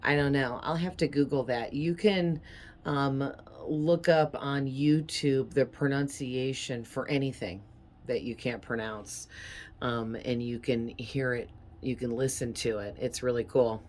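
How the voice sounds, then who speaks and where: Woman, tarot reader, low voice, unhurried, rambling with fillers, sinus-heavy breathing. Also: steady tone, slight background noise. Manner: rambling, chatty, with fillers and soft laughs. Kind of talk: casual tarot reading.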